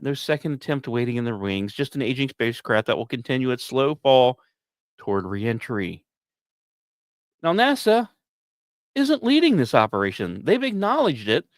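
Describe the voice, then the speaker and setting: A man with a fairly high voice, recorded dry, hosts a podcast where he reads scripted science news commentary. His phrasing is emphatic and dramatic, with short punchy repeats and personal asides dropped in.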